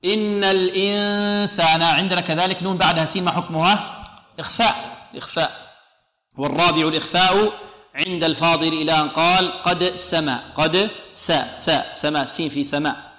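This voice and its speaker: A man teaching Quran recitation to a class. He poses questions to students, answers them himself, and slows down to demonstrate each word carefully. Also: fairly high pitch, steady tone, bright, forceful tone. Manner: often repeats a short blessing to students. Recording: echoey room.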